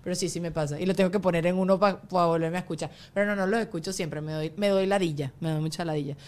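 A woman's voice: lowish voice, steady tone, quick pace, a little mellow. A Venezuelan woman hosting a podcast, chatting informally and full of slang. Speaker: podcast host. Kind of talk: casual conversation.

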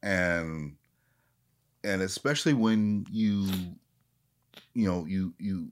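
Speaking slowly in a low, clean-toned voice, this late-forties actor from the Minneapolis area reflects candidly while appearing as a conversation guest. He often starts his sentences over.

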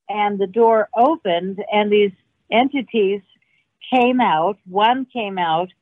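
A woman's voice: medium pitch, no room sound. A woman guest telling anecdotes conversationally and emphatically over a narrow call line. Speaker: interview guest, filmmaker. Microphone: phone or call line. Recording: narrow tinny phone-like line.

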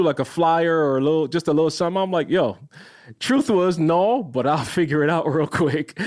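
Man from Barbados, podcast guest, animated storyteller, voice a bit high. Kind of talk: casual storytelling.

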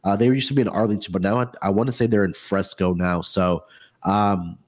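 A man's voice: lowish voice, steady tone, fairly quick, darkish tone. Under-the-weather man with a froggy voice. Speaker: sports betting show host. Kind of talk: casual sports betting talk.

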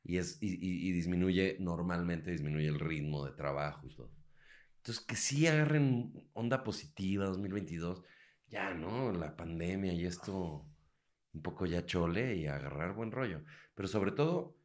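Hombre, acento mexicano, voz grave, invitado, juguetón, coloquial. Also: male voice, deep voice, animated, moderate pace. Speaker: podcast guest. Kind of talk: casual chat.

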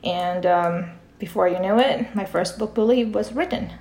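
A middle-aged woman from the Philippines speaks as a podcast guest, calm and reflective as she tells her story. Her voice has a gravelly, fried edge. She sits at a middle pitch for a woman. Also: moderate pace. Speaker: guest, parent coach and author. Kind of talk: podcast interview.

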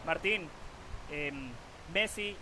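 A man on a sports talk show giving formal, measured football analysis. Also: a little high, background noise. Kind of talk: sports talk panel discussion.

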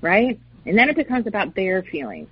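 A woman in casual discussion, talking in an animated way with many fillers and acted-out quotes. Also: fairly low pitch, moderate pace, slightly rough. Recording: dull lo-fi recording.

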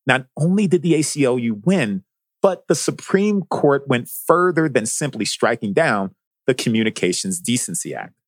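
A man's voice: medium pitch, lively intonation, normal speed, no echo, clean studio sound. A man narrating a scripted podcast as its host. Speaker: guest host.

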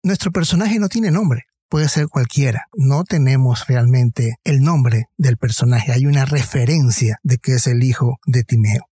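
Man, preacher, Bible reflection, mellow dark voice, dry close sound. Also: medium pitch, a little slow, hardly any pauses, breathy edge, no echo. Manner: explanatory, retells the story vividly.

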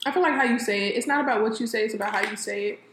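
A woman from California co-hosting a casual chat, chatty and quick to laugh, talking to viewers as y'all. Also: fairly high pitch, a bit bright. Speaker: co-host. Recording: echoey room with faint ambient noise.

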